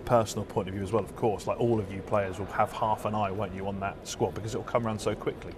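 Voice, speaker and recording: A man's voice: on the low side, steady tone, fast talker. A man working as a sports reporter, putting conversational questions in an interview. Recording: noisy location ambience.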